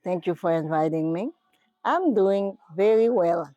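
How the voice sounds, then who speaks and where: Middle-aged Haitian woman, non-native English, slow and halting, lowish voice, dry close sound. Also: animated, warm tone, no room sound, muffled recording. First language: Haitian Creole and French. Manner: hesitant, searching for English words. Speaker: interviewee. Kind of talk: casual interview.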